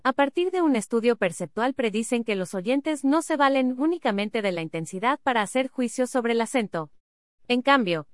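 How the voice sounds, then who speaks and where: Female reader, slightly high voice, dry close sound, reads a dense academic paper literally. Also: no room sound. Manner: reads symbols, figure captions and abbreviations literally. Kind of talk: reading an academic paper aloud.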